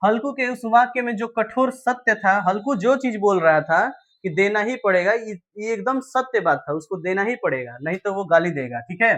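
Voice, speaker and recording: A male teacher walks through a story line by line, paraphrasing each sentence in simple everyday words. He keeps checking in with a quick "okay" as he goes. His voice sits noticeably high for a man. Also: fairly bright tone. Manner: plain, repetitive, checks in with frequent "okay"; explains slowly with everyday paraphrase. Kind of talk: line-by-line lesson explanation.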